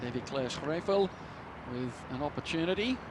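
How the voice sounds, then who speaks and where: Higher-pitched male golf commentator. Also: lively intonation, normal speed, background noise.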